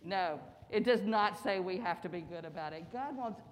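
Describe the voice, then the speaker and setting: A woman's voice: lowish voice, normal speed. A woman leading a children's sermon, talking sweetly and patiently with young children in simple questions and repeated answers. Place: large church room. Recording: echoey church hall, faint background noise.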